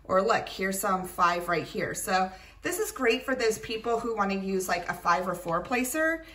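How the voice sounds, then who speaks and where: Animated and a bit bright, her mid-range voice moves at normal speed as this craft product reviewer chats casually through a tabletop demonstration indoors. Clicks and rattles from the small items she handles come through a roomy, distantly miked recording with faint noise.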